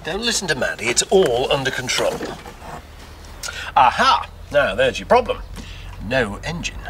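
An actor playing a bumbling, overconfident sitcom dad who boasts and bluffs. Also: male voice, medium pitch, wildly swooping pitch, a little slow, gravelly, sharp tone, slight background noise, heavily acted. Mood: bluffing. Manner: boastful, blustering. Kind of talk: sitcom acting.

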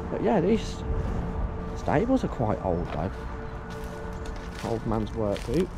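A man speaks slowly in a mid-range voice with huge swings in pitch as he vlogs an exploration of an abandoned site outdoors. His casual commentary is chatty and full of thinking aloud, with regular shout-outs of "guys." Background music accompanies him.

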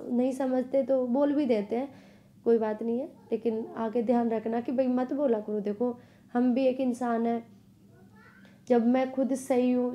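Young woman vlogger, warm dark tone, earnest and repetitive. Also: a little high, muffled recording. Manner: earnest, pleading, repeats phrases. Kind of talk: casual direct-to-camera vlog.

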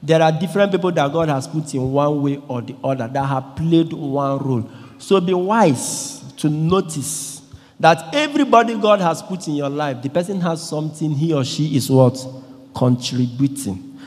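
A man with a Nigerian English accent preaches from a church ambo, his voice sitting a little high for a man. He shifts between loud bursts and quiet, low stretches and acts out little scenes. A long reverb from the large church trails each phrase. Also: expressive, moderate pace. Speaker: priest. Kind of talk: lively sermon. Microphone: handheld microphone.

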